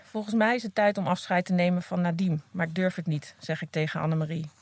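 A woman's voice: fairly low pitch, steady tone, quick pace, a little mellow, dry recording. A woman reading aloud from her own memoir in an earnest, candid first-person voice, recorded close on a podcast mic. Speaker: recovering addict reading from her own book.

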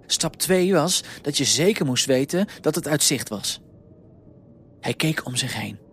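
A man reading a children's story aloud in a calm, lively storytelling manner. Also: fairly high pitch, unhurried, slight background noise.

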